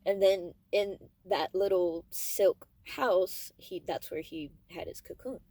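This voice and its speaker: A woman's voice: lowish voice, steady tone, slow pace, dark tone, no room sound. Young woman chatting casually, fond and rambling. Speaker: vlogger. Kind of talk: casual rambling chat, personal storytelling.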